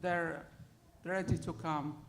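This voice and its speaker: Speaking slowly with fairly even intonation and a fairly low pitch, a middle-aged woman with an Arabic accent tells her immigrant story as a panel speaker. She shares personal stories with the audience, and there is background noise.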